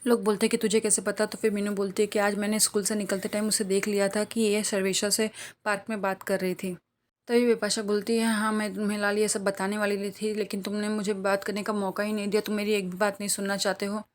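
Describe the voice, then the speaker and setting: A woman narrating a TV serial episode recap, retelling the scenes briskly and reading the characters' quoted lines in her own plain voice. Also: medium pitch, level tone. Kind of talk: rapid plot-recap narration.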